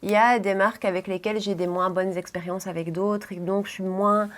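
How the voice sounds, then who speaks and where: A woman's voice: medium pitch, steady tone, a little fast. Young Belgian woman, beauty vlogger, casual Q&A chat, filler-heavy and friendly-paced. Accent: Belgian French, Brussels area. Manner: chatty, many fillers like "euh, voilà". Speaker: beauty YouTuber. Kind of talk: casual Q&A chat while doing makeup.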